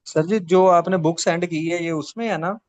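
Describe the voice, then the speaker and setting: A man's voice: sits high, moderate pace, no room sound. A male student in an online class, politely asking his teacher questions. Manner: polite, addresses the teacher as sir.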